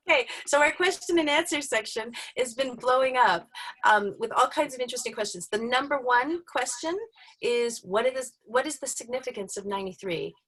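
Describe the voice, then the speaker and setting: A woman's voice: on the high side, normal speed, fairly bright tone. Upbeat woman host on a video call. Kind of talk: hosting a virtual Q&A.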